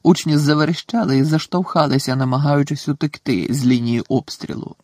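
A man reading a storybook aloud in steady, expressive scripted narration. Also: a little high, fairly quick, no echo. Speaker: audiobook narrator.

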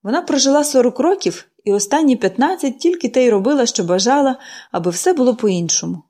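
A woman narrating a storybook audiobook with an expressive, animated reading. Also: on the high side, fast.

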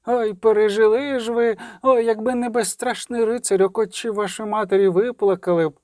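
A man's voice: sits high, steady tone, darkish tone, no echo, clean studio sound, voice pushed up, lightly acted. Brief: fussing, lamenting stout townswoman, read by a male narrator. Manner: lamenting, slow and sing-song.

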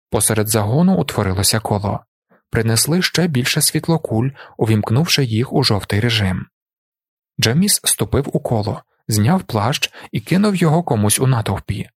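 A man narrates an audiobook in a steady, even read. His voice sits at a middle pitch, and the recording is dry and close, with no room around it. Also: breathy edge, dry recording. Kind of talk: scripted narration.

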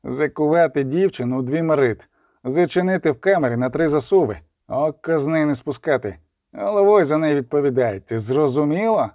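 A man's voice: a little high, animated, brisk, darkish tone, no echo, clean studio sound. A man voicing a menacing sorcerer villain. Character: menacing male sorcerer, cold and threatening.

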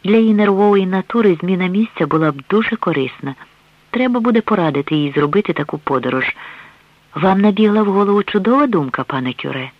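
A man reading the lines of a gentle, optimistic country doctor who reassures a patient in a soft, polite way, in a dull, dry radio recording. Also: high voice, fairly quick, no echo, pitched above the performer's own voice, natural voice.

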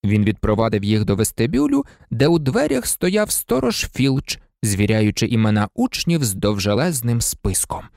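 A man narrating an audiobook in a theatrical, expressive way. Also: medium pitch, normal speed, gravelly, hardly any pauses, no echo, studio quality. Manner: theatrical, varied.

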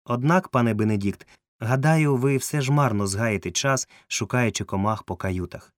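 A man's voice: medium pitch, normal speed, no echo, natural voice. A man voicing a good-humoured ship captain with a dry, wry wit, recorded close and dry. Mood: wry, amused. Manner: wry, joking, calm.

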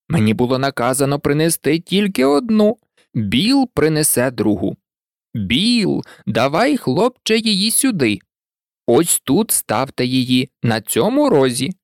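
A woman voicing a rowdy crowd of small animal workers who bicker and shout over each other. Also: low voice, no echo, studio quality, full character voice. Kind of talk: audiobook character voices.

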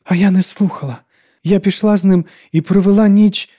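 A man's voice: medium pitch, animated, fairly quick, mellow, husky. A man voicing an anxious young woman confessing in tears in an audiobook. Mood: pleading. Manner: pleading, self-pitying and tearful.

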